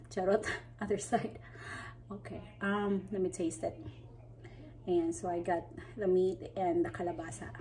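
A woman's voice: lowish voice, steady tone, a little slow, long pauses, dark tone, recorded from a distance, low-quality recording. A woman with a Filipino accent, chatting playfully and giggling as she cooks in her home kitchen. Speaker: cooking vlogger. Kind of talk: casual cooking demonstration. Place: home kitchen at the stove, indoors.

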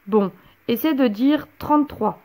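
A woman's voice: a little high, measured pace, warm tone. A woman voicing an irritable male doctor in a storybook, impatient and scolding. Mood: annoyed.

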